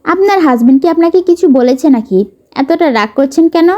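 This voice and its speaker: A woman's voice: high voice, animated, brisk, dark tone, dull audio. A woman voicing a confident young man who teases his mother playfully on the phone. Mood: teasing. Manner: playful, lightly teasing. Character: teasing young man, confident soldier son.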